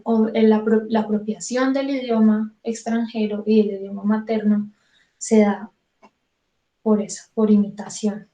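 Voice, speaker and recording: A woman's voice: fairly high pitch, a little mellow. Chatty Colombian woman vocal coach, echoey room. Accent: Colombian Spanish. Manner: chatty, acts out students' thoughts, repeats for emphasis. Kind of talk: online singing lesson.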